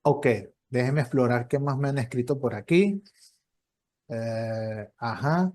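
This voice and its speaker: A man's voice: medium pitch, takes it slowly, darkish tone. A man, a professor and copy editor, giving an online lecture in a conversational, explanatory way, acting out short dialogues along the way. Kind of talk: online lecture with audience questions.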